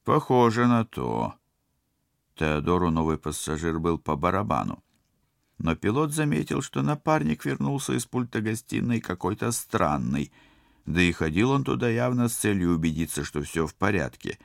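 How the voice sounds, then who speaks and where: A man reading an audiobook as narrator, steady and even. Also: sits low, moderate pace, creaky, no room sound, studio quality. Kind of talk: scripted narration.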